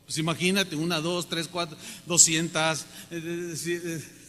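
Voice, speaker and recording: A man preaching a sermon, animated and often questioning the congregation. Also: a little high, unhurried. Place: church hall. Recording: long hall reverb.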